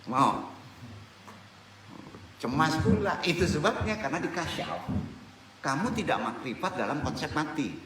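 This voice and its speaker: An older man teaches a religious study group in a lively, swooping voice, teasing and quizzing the people in front of him. He sounds set back from the mic, in an echoey hall with a faint hum of room noise. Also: a little high, a little slow, creaky, pauses often. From West Sumatra, Indonesia. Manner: animated, joking, quizzes the audience. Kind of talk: informal religious study lecture. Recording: echoey hall recorded from a distance.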